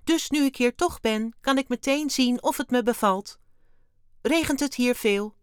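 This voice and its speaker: A woman's voice: on the high side, normal speed, clear, resonant tone, dry recording, studio quality, voice pushed up, close to an everyday voice. A woman reading a children's story aloud, voicing a cheerful, small, hairy blue alien with chirpy, odd turns of phrase. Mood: chirpy, eager.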